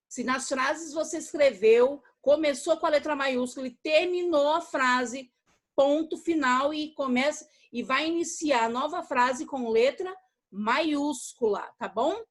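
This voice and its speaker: Brazilian woman, primary teacher; high, gentle and patient video-lesson delivery for young children. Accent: Brazilian Portuguese. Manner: patient, repetitive, checks in with "okay?" after each step; affectionate toward pupils, uses diminutives.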